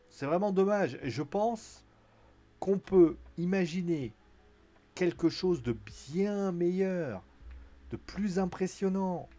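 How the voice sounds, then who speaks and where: A chatty man talks through a wrestling show in a loose, conversational recap. His pitch jumps around a lot, and he leans on fillers. He often slips into a raised voice to act out what the wrestlers said. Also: dark tone. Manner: chatty, lots of fillers, acts out quotes in a raised voice. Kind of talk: casual spoken recap.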